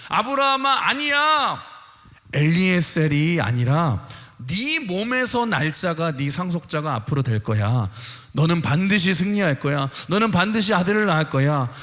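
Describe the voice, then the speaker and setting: A pastor voicing God, firm and reassuring. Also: male voice, on the high side, sing-song, moderate pace, bright, forceful tone. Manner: firm, emphatic promises. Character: God, a reassuring divine father. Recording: long church reverb.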